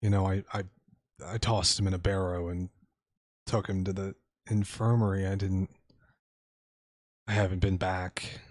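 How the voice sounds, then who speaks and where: A man plays a rattled villager who stumbles through every sentence. The voice sits low, and the sound is close and dry. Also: little pitch movement, darkish tone, no echo. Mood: shaken. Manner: hesitant, halting speech with restarts. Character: shaken, reluctant local who found a body.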